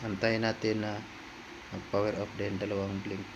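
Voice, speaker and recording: Background noise fills this clip of a product reviewer and vlogger with a Filipino accent unboxing items by hand. His fairly low voice stays level at a moderate pace, and he chats informally with viewers, frequently repeating himself.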